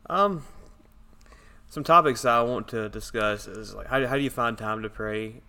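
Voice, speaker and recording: A man's voice: medium pitch, a little slow, pushed and bright. Laid-back guy cohosting a church podcast, sanctuary echo all around him. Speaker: podcast co-host.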